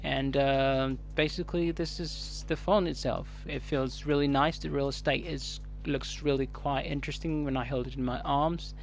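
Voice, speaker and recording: A man with a Kenyan East African accent giving casual unboxing commentary as a tech reviewer, haltingly thinking aloud. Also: medium pitch, steady tone, vocal fry, slight background noise. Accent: Kenyan English. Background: music.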